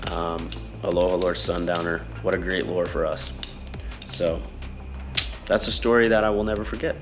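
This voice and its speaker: Male charter captain, low voice, rambling animated storyteller, faint music behind. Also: moderate pace. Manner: animated, rambling, many fillers. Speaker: fishing boat captain. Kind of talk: casual storytelling.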